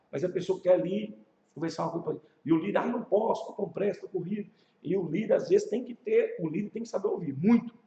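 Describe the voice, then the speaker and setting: A man with a Brazilian Portuguese accent, a pastor teaching a leadership class in a casual, animated storytelling way, asking his class rhetorical questions. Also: high voice. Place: church classroom. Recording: echoey room, muffled sound.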